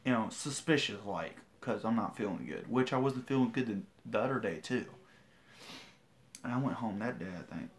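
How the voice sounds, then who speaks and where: Teen male vlogger, lowish voice, rambling and indignant livestream storyteller. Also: expressive, normal speed, a little hiss or hum. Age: teens.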